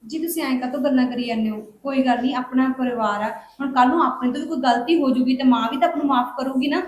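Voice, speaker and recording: A woman playing a fast-talking, high-voiced forgiving wife, Punjabi accent. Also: fairly even intonation, roomy sound, slight background noise, lightly acted. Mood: soothing. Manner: soothing, peacemaking. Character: forgiving young wife, gentle peacemaker. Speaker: daughter-in-law. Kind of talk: Punjabi short film acting.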